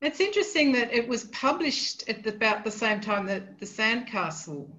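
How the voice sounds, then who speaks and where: Animated and sharp-toned, this Australian-accented woman speaks at normal speed in a voice that's a little high. As a literary scholar on a novel-discussion podcast, she works through a short story hesitantly, restarting often and saying um a lot. The recording sounds muffled.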